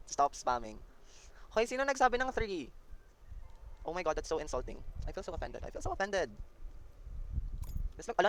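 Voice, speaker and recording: A man with a Filipino accent giving excitable, dramatic live commentary while playing a dress-up game. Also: mid-range voice, a little hiss or hum. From Philippines. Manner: excitable and dramatic, mixes English and Tagalog. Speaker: gaming content creator.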